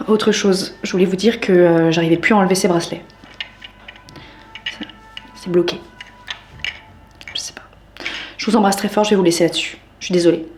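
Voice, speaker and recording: A woman in her twenties telling a story in a casual video diary, animated and exasperated, talking straight to her viewers. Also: fairly low pitch, a little fast, pauses often, echoey room, faint music behind. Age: 20s. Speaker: vlogger.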